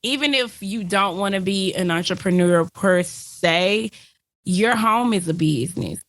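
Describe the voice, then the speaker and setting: A woman's voice: medium pitch, dry recording. Slangy woman podcast co-host. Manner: blunt, slangy, quick asides. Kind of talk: casual podcast chat.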